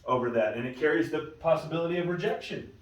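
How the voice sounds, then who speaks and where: A pastor leads a casual Bible study in a church meeting room, telling stories conversationally and often restarting his sentences. His voice sits a little high and moves fast, with slight background noise. The mic is at a distance in a roomy space.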